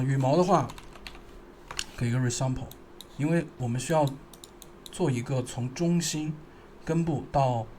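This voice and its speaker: A man narrating a screen-recorded software tutorial, thinking aloud and pausing as he works. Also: medium pitch, slight background noise. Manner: thinking aloud, halting, pausing while working.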